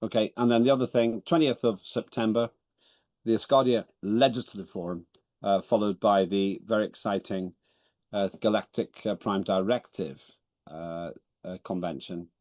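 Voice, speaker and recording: A native Estonian speaker chairs an online parliamentary meeting over a video call, businesslike but often correcting himself with wry, dry humor. His fairly low, darkish voice holds a steady tone at a moderate pace, and the recording is dry.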